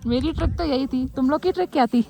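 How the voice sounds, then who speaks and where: A woman's voice: high voice, fast, vocal fry, dark tone. A young woman vlogging on a mountain summit, talking casually and cheerfully to her phone camera and teasing her friends. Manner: chatty, upbeat, teasing friends. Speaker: travel vlogger. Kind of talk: casual vlog narration outdoors. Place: windy mountain summit outdoors. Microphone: handheld phone camera.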